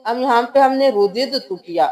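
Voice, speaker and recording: A woman teaching Quran reading, spelling out letters and slowly chanting each word, patient and repetitive. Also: a little high, darkish tone. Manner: patient, repeats words slowly with drawn-out chanting.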